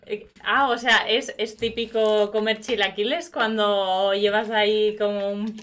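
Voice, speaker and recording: A young woman in her twenties giving relaxed reactions in a small room, wearing a headset. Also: mid-range voice, a little slow, very noisy. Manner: short reactions and agreeing. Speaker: reaction streamer. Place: small gaming room indoors.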